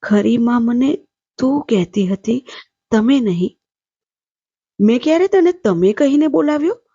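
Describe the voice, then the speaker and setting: A woman's voice: fairly high pitch, slow pace, warm tone, slightly rough, dry recording, dull audio, voice pushed up, exaggerated voice. Woman playing an anxious, pleading young stepmother. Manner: pleading, earnest questioning.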